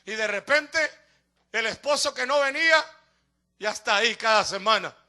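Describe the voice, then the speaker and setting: A pastor delivers a sermon with a high, animated voice that sounds pushed and bright, moving at a normal speed. He tells stories, acts out the voices of the people he quotes, and builds toward emphatic appeals.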